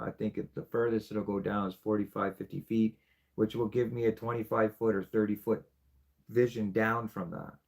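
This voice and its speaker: Gravelly, chatty man. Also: on the low side, a little mellow. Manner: chatty, rambling, keeps asking "right?". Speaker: fishing channel host. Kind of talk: casual show-and-tell explanation.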